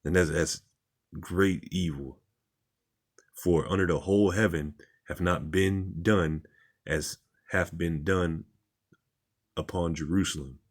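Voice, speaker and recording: A man's voice: low voice, fairly even intonation, slow pace, pauses often. A man reading articles aloud and commenting on them in an informal, repetitive, plain-spoken way, as a religious commentator.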